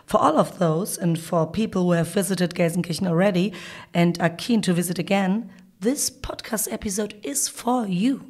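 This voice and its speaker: A woman co-hosting a podcast in scripted conversation, her voice croaky from a cold. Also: fairly low pitch, moderate pace, a little mellow. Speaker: podcast co-host.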